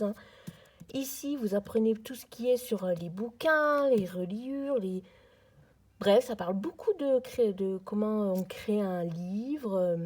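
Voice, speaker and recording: A woman's voice: medium pitch, warm tone. Chatty woman vlogging at home. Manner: chatty, friendly, addresses viewers as friends. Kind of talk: casual chat to camera. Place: at home, sitting on the floor. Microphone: camera on a tripod, mic on the far side.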